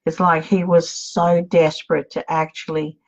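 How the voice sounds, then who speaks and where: A woman's voice: low voice, level tone, measured pace. A woman acting as a psychic medium, giving an emotional live reading and tenderly calling her listener darling. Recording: dull lo-fi sound.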